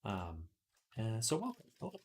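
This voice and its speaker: With a voice on the low side that swoops wildly in pitch, a man talks at normal speed while hosting a casual tutorial livestream from his computer desk indoors. The 3D artist alternates between muttering to himself as he works and chatting brightly with viewers.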